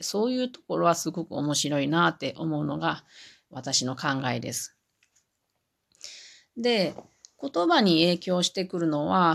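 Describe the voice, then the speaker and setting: A podcast host talks solo in a low, creaky voice. She explains things in a chatty way and seems amused by her own examples.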